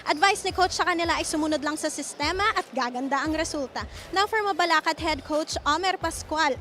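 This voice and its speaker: A woman's voice: sits high, sharp tone, a little hiss or hum. A woman with a Filipino accent giving a courtside sports report over music. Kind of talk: pregame sports report in Taglish.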